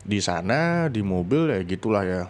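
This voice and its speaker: A man tells a long story in a relaxed podcast chat. His natural voice sits fairly low, yet he keeps it animated, jumping sharply higher whenever he acts out someone else's words. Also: normal speed, slight background noise. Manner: animated, acts out quoted voices with sudden high pitch.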